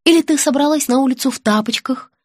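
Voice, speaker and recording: A woman plays a brusque, mocking businessman who barks orders and teases with heavy irony. The voice sits rather high, and the recording is close and dry with no room sound. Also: fast, dry recording, close to an everyday voice. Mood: bossy. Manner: mocking, commanding. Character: businessman friend, adult man, sarcastic and bossy.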